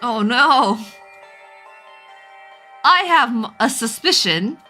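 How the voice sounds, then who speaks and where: Female game streamer, theatrical and excitable, high-pitched, unhurried reads, faint game music behind. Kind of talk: let's play commentary, reading dialogue aloud. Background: video game music.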